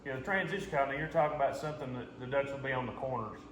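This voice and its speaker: An agreeable man chats casually and encouragingly as a co-host. He talks fast. The recording is roomy, with a clearly audible crowd-like background. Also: mid-range voice. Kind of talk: casual chat.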